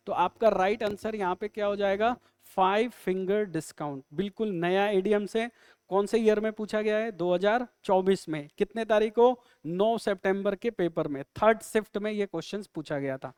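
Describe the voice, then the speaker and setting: Man, high clear voice, dry close sound, live exam-prep lesson. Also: darkish tone, no room sound. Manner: quizzing students with quick questions and jokes. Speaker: English teacher.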